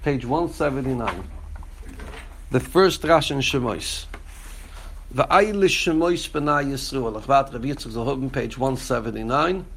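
A man's voice: medium pitch, moderate pace, creaky, a little hiss or hum. A man teaching a Torah class as a rabbi, speaking directly to his students and chanting quoted texts in a raised, sing-song voice. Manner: addresses students directly by name.

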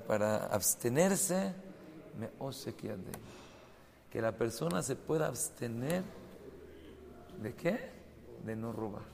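Man giving a torah class, gravelly voice, lively storytelling, faint hum behind. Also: medium pitch. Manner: animated storytelling, sudden loud bursts. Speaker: rabbi teaching Torah. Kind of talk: Torah lesson with stories. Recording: long reverb hall, faint ambient noise.

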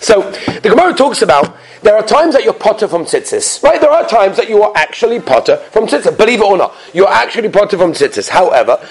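In his animated religious class, this rabbi with Yiddish-influenced American English fires off rhetorical questions with sing-song emphasis and repetition. His voice is high-pitched, fast and husky.

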